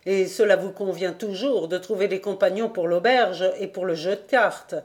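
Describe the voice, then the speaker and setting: A woman voicing a boastful, mocking old skipper in an audiobook, teasing loudly. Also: medium pitch, moderate pace, close to an everyday voice. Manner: loud teasing.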